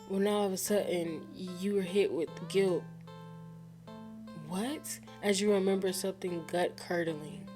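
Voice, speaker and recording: Woman streamer, slow talker, casual slangy let's-play reactions over faint game music. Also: medium pitch. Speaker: gaming streamer. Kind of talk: let's-play commentary, reading game text aloud.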